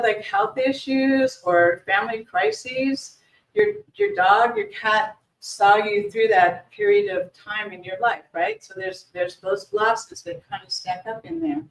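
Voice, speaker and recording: A woman's voice: fairly high pitch, lively intonation, a little slow. A woman leading a grief workshop for a live audience, speaking conversationally and often restarting or repeating words. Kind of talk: informal workshop presentation. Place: meeting room with a live audience. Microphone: distant room mic. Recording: echoey room, voice far from the mic.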